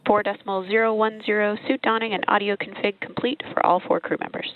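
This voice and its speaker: A woman's voice: medium pitch, level tone, fast. A woman giving clipped, formal procedural read-backs over a helmet radio intercom. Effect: radio intercom, like a helmet comm. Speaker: radio operator confirming spacecraft procedures. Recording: phone-like radio link, noisy, with clicks.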